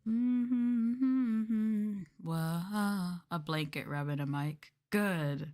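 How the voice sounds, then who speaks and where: A VTuber chats casually on an ASMR livestream, playful and giggly but a bit hesitant, sitting close to the mic. Her voice is medium-pitched, mellow and very slow.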